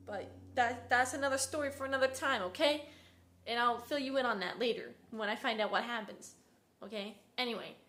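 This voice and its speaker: A woman's voice: high-pitched, a bit bright. A young woman talking straight to camera in a casual vlog, venting and full of fillers. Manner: chatty, fills talk with "like", "bro" and "dude"; irritated, venting. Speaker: vlogger.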